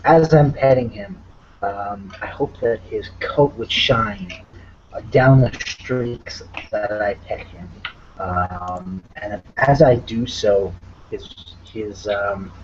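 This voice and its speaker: A man's voice: fairly low pitch, lo-fi sound, a little hiss or hum. A man playing a tabletop game, describing his actions hesitantly with many fillers. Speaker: player. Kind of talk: tabletop role-play.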